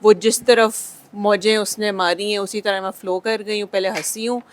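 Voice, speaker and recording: A woman's voice: medium pitch, fairly even intonation. A woman giving a personal testimony about a prayer experience, reflective and dropping English words into her speech. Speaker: group member giving testimony.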